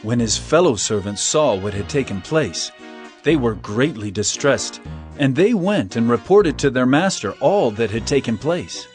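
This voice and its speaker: An actor playing Jesus as an earnest, emphatic teacher of solemn parables in a dramatized scripture reading. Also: male voice, mid-range voice, animated, unhurried, faint music behind, close to an everyday voice. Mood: solemn storytelling.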